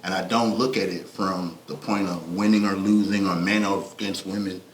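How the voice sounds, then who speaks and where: A man's voice: deep voice, steady tone, normal speed. A man co-hosting a podcast, talking in a laid-back, reflective way with loose, rambling thoughts. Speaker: podcast co-host. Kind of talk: casual podcast chat. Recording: echoey room with faint background noise.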